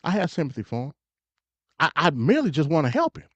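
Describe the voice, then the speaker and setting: On a dull, lo-fi live stream, an American man offers casual, opinionated political takes in a fast, somewhat high voice that swings hugely in pitch. The tone is a bit bright and the recording dry. He's emphatic, slangy and conversational, repeating himself and stuttering.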